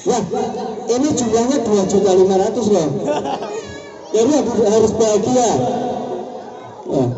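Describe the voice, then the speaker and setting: High-pitched booming young male prize announcer, echoey. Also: steady tone, a little slow, pauses often. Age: young adult. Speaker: event MC announcing door prizes. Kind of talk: live prize announcement to a crowd. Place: outdoor village stage on a covered porch. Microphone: handheld mic through PA, filmed from afar. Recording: muffled echoey PA from far off, music, crowd.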